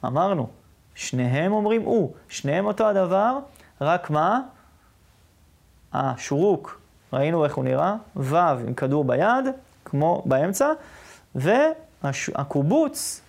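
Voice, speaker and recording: Woman teacher, children's reading lesson, low voice with a gravelly edge, patient, checks in often, stretches out syllables. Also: very animated, darkish tone. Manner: patient, asks the class often whether they follow; drawn-out sounding of single syllables.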